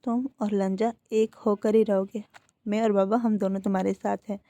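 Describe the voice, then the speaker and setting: An elder brother figure, protective and steady, talking in a soft reassuring way, as a woman reads him out. The voice is mellow and dark, heard close and dry with no room sound. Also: medium pitch, normal speed, no echo, natural voice. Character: stern but caring older brother figure, male.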